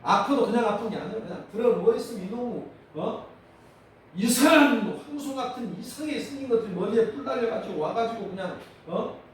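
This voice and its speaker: A male pastor with a Jeolla accent preaching a sermon, animated and calling out questions to his congregation. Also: sits high, brisk, slight background noise. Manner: animated, calls for congregation responses. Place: church sanctuary. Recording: distant mic in echoey church hall.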